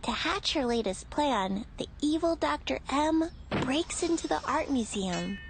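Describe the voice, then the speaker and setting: A woman's voice: high-pitched, expressive, measured pace, over music. A woman reading scripted educational narration for children, explaining things simply as if to young listeners.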